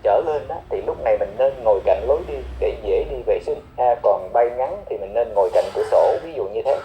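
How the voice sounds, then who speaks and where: A man's voice: mid-range voice, expressive, mellow, echoey room, poor audio. Patient man explaining phrases, repeating them. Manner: repeats key words slowly and often. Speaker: English teacher. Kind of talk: explaining English phrases in Vietnamese.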